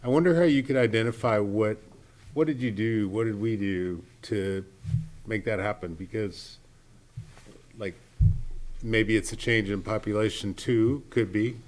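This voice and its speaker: A man's voice: fairly low pitch, unhurried. A man serving as a school board trustee, asking questions in a rambling, hesitant way that corrects itself. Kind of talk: questions at a public meeting. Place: boardroom meeting.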